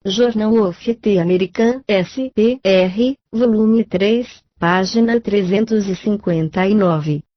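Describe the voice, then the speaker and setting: A woman reads a book aloud in a calm, measured narration. Her voice sits in a middle range. The recording is dull and lo-fi, with a dry sound and no room echo. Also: mid-range voice. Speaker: reader.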